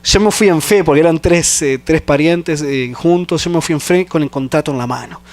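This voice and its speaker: A man's voice: on the high side, moderate pace. A man, a pastor, telling a personal story in a sermon and acting out the phone calls in quoted voices. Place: church.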